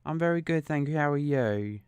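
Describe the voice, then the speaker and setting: A man's voice: fairly high pitch, animated, brisk, clear, resonant tone, no echo. A man live-streaming a novel reading, chatting easily with viewers by name between passages. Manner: greets viewers by name, easygoing and amused. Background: soft suspense music.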